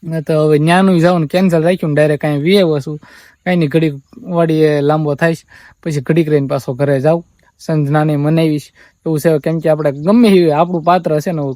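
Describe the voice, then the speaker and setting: A man's voice: fairly high pitch, mellow, dry recording, clean studio sound. Subdued young man vlogging. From Gujarat, India. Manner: subdued, rambling and repetitive, often quoting others. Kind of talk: confessional vlog to viewers. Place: family farm, outdoors.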